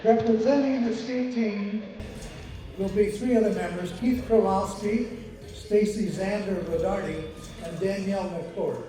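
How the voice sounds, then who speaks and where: A man's voice: sits high, a little slow, mellow. A man presenting at a ceremony, making formal announcements to call honorees up. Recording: very echoey hall, distant, faint noise.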